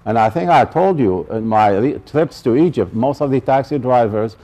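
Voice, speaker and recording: A man's voice: medium pitch, lively intonation, normal speed, warm tone. A man from Iraq gives a college lecture, stressing and repeating his key points and checking that the audience follows. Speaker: professor giving a public talk.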